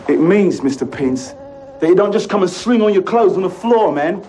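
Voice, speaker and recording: A young man with a London accent playing a fussy, sarcastic, exasperated flatmate in a naturalistic television comedy-drama. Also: high voice, normal speed, a little hiss or hum. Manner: sarcastic, nagging.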